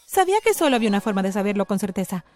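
A woman giving an expressive, scripted first-person narration of a story. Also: medium pitch, racing, soft background music.

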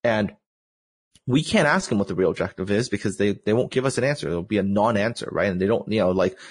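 A man's voice: fairly low pitch, fast, slightly rough, no room sound. A man talking in a casual podcast chat, telling exasperated stories and acting out quotes as he goes. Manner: animated, exasperated storytelling with acted-out quotes.

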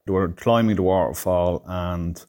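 A man's voice: sits low, fairly even intonation, normal speed, warm tone. A middle-aged or older man with an Irish accent, recounting his experience as an interview guest. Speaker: rescue volunteer, interview guest. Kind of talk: interview recollection.

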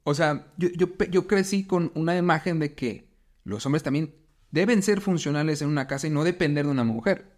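Male co-host, slightly higher voice, frank and self-mocking. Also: brisk. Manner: candid, self-deprecating. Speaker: podcast co-host. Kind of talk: casual podcast chat.

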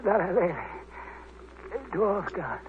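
An actor playing a bitter dying man, weak and gasping, in halting broken English, in old-time radio drama style. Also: high-pitched, lively intonation. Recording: noisy, tinny old radio recording.

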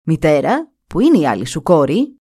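A woman's voice: sits low, sing-song, dark tone, slightly rough, full character voice. A woman voicing a group of stern, formal royal councillors in a storybook tale, speaking firmly and insistently. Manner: formal, firm.

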